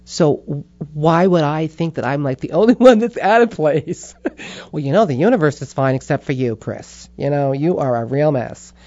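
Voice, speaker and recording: Animated older woman, laughing storyteller. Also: low-pitched, normal speed, no echo, muffled recording. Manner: animated, laughing, acts out voices in stories. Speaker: guest. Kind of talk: casual chat.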